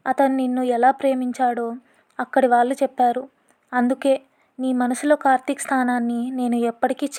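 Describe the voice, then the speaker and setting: A woman voicing a devoted young man who speaks earnestly and gently in an audio story. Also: high-pitched, close to an everyday voice.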